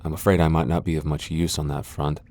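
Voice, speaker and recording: Playing a proud, centuries-old vampire lord in a fantasy ASMR roleplay, a man speaks fast in a very deep, slightly mellow voice with a level tone. His disdain is sardonic and haughty, delivered in a theatrical, taunting manner toward a listener he considers beneath him.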